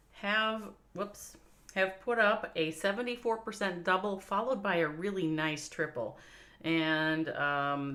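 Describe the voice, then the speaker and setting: A woman's voice: lowish voice, a bit bright. A woman with a Minnesota accent giving chatty, playful live commentary on a mobile strategy game match, reacting to chat and laughing along. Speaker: esports caster.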